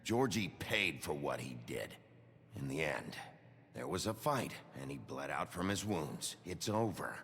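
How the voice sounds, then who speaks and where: A gravelly, gruff sheriff. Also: male voice, sits low, lively intonation, measured pace, a bit bright, a little hiss or hum, full character voice. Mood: grim. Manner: gruff, angry, profane. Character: gruff hard-bitten male sheriff. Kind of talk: video game voice acting.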